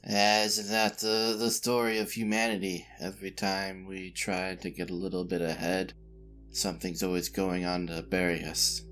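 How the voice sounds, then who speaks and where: A man narrating a tabletop game as game master, measured and musing. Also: deep voice, completely flat delivery, fairly bright tone. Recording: faint music behind.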